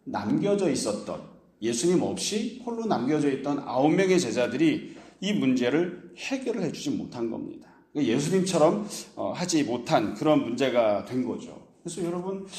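A man's voice: on the high side, darkish tone. A male pastor preaching a sermon, explaining a passage and asking his listeners rhetorical questions. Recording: roomy echo.

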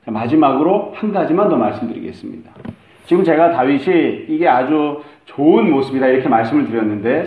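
A man preaching a sermon as pastor, acting out the voices of the people in his stories. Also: mid-range voice. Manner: animated, acts out quoted voices of a child and a mother. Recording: roomy, phone-like narrow sound.

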